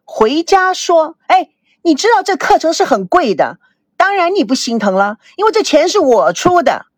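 A woman voicing an angry, jealous young bride-to-be in an audiobook, sharp and accusing. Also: high voice, very animated, normal speed, no room sound, pitched above the performer's own voice.

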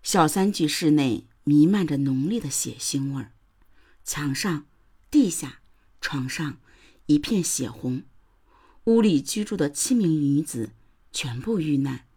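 Low gravelly woman narrating true crime. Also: animated, unhurried, warm tone. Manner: grave, dramatic, dropping to a whisper. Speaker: podcast host.

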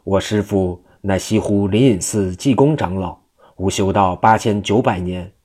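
A man's voice: low voice, a little slow, darkish tone. A man reading the lines of an ancient male monk spirit in a storybook tale, solemn and warning.

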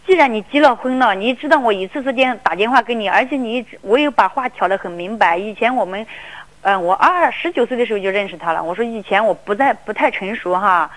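A woman's voice: mid-range voice, poor audio. A woman calling an advice radio show, telling her story in a rambling, emotional way and often repeating herself. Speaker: caller.

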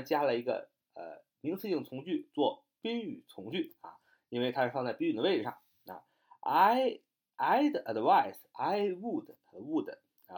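Lively-pitched man teaching grammar. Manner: explains in Chinese, reads English examples slowly and spells words letter by letter. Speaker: English teacher. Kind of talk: spoken grammar lesson.

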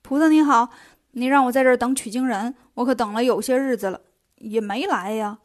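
A woman's voice: fairly high pitch, fairly quick, lightly acted. A woman voicing a young male dragon who talks in a meek, complaining way.

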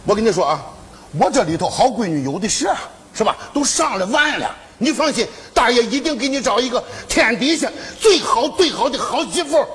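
Brief: a fussy old matchmaker, high and animated, kindly underneath. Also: male voice, a little fast, slight background noise, full character voice. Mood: tender. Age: older. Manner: scolding, exasperated, repeats himself. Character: fussy old male matchmaker, scolding yet kind. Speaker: sketch comedy actor. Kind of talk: stage comedy sketch.

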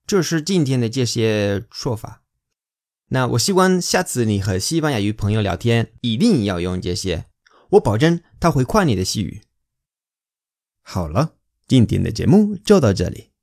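A man teaching a language lesson, repeating example phrases slowly and clearly for learners and leaning hard on key words. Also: mid-range voice, big pitch swings, darkish tone. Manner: exaggerated emphasis on example words. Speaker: Spanish teacher.

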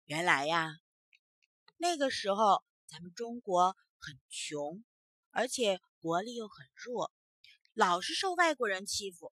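A woman telling a children's story as a storyteller, in an expressive, emphatic way. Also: medium pitch, unhurried, breathy edge, no room sound.

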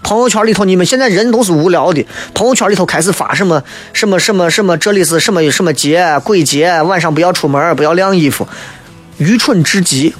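A man's voice: high-pitched, fairly quick, soft background music. A man in his thirties with a Shaanxi accent from Xi'an, hosting a humorous radio chat in a joking, mock-exasperated manner. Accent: Shaanxi (Xi'an) Chinese. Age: 30s. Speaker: radio show host. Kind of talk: humorous radio chat, reading listener messages.

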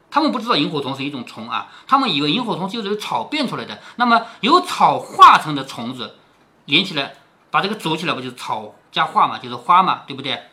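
Lively, bright-voiced man explaining a story. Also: fairly high pitch. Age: middle-aged. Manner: explains in plain talk, often asking "right?". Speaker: storyteller reading a classic novel to his daughter. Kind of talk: reading aloud with explanatory asides.

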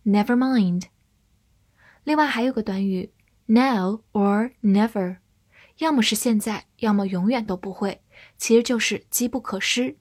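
A woman English teacher giving a scripted vocabulary lesson, spelling each word letter by letter and reading example sentences slowly. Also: a little high, darkish tone, no room sound, studio quality.

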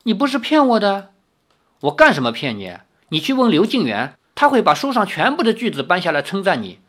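A reader voicing an impulsive, blunt young swordsman in an audiobook of a novel, quick to anger and to plead. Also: mid-range voice, wildly swooping pitch, fairly bright tone, pitched above the performer's own voice. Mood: placating. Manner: hot-headed and blunt, pleading when worried. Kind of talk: audiobook reading.

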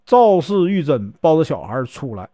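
A man telling a folk tale in a lively, chatty way, with drawn-out fillers. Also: a little high. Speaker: storyteller. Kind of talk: folk storytelling narration.

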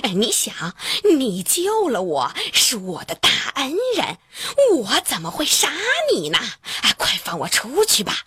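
A woman voicing a huge menacing male demon in a storybook, with a husky, lowered voice and a blustering manner. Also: sing-song, unhurried, bright, forceful tone, dry recording, studio quality, exaggerated voice. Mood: wheedling. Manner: blustering, then wheedling. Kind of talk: storybook character voice.

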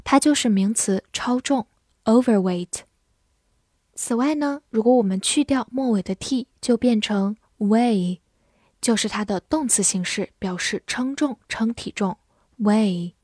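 A woman teaching English vocabulary in a slow, clear lesson, spelling each word out letter by letter. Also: on the high side, mellow, no room sound, clean studio sound.

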